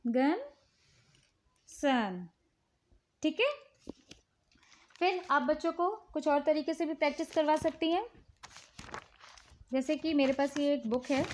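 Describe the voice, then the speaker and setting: A woman with an Indian accent, calmly explaining children's worksheets one step at a time. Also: high-pitched, a little hiss or hum. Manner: slow, patient, repeats "ठीक है" often. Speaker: teacher showing worksheets. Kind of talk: casual instructional talk.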